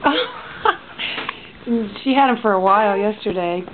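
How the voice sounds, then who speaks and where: A woman chatting casually at home in a home video, talking softly and fondly to a baby. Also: mid-range voice, unhurried. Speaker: family member at home. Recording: tinny lo-fi home video with hiss.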